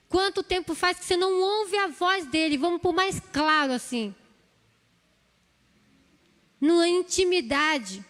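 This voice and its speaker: A woman's voice: very high voice, fairly bright tone. A woman from Brazil with a São Paulo Portuguese accent preaching a sermon in a church hall, earnest and pleading, repeating her phrases. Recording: long hall reverb.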